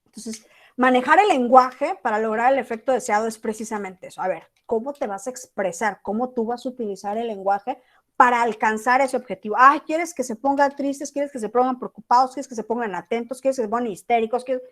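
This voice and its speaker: A woman with a slightly high voice and fairly quick pace teaches an online class in a Mexican Spanish accent. She talks casually and acts out sample text messages.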